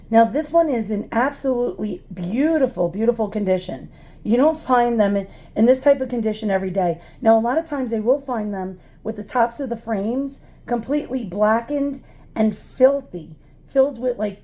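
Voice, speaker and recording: Hoarse woman losing her voice, chatting casually. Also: fairly high pitch, a little mellow. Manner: chatty, informal. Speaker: vlogger unboxing collectibles. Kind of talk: casual unboxing commentary.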